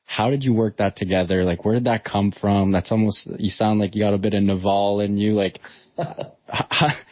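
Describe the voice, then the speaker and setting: A man's voice: lowish voice, fairly even intonation, normal speed, no room sound. A man hosting a podcast, asking interview questions in an enthusiastic, casual way. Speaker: podcast host. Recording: dry, muffled lo-fi sound.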